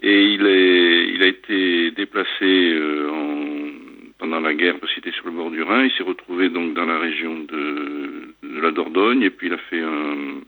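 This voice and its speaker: A man, a museum founder, answering questions in a phone interview, hesitant and trailing off quietly at the ends of phrases. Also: sits low, steady tone, moderate pace. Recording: tinny phone line.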